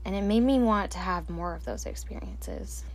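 A podcast host records a solo reflective monologue by herself at night, using a handheld or desk mic. She talks slowly and calmly in a lowish, soft, soothing voice, now and then laughing quietly.

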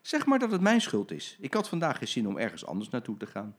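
A man's voice: mid-range voice, huge pitch swings, fast talker. An older man voicing a playful, cheeky bus driver who chuckles and teases his passengers, in a children's story read aloud. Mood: teasing. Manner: chuckling, teasing.

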